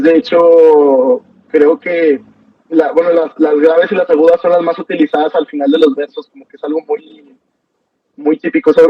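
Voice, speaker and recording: A young man teaching an online poetry class, relaxed and hesitant, with many fillers and restarts. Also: fairly high pitch, no room sound, far from the mic. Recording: dull, dry sound from off mic.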